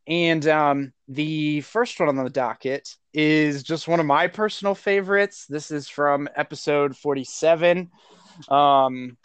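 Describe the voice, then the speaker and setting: A man hosting a podcast in a relaxed, chatty way. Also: fairly high pitch, measured pace, clear, resonant tone, no room sound. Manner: relaxed, chatty, laughs easily. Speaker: podcast host. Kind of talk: casual chat.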